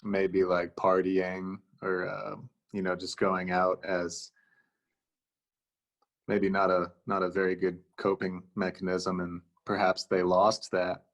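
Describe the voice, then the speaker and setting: A man with a very deep, low voice speaks in a laid-back, thoughtful way, with dry humor. He is a guest musician in a casual interview over a video call. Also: monotone, takes it slowly, lo-fi sound.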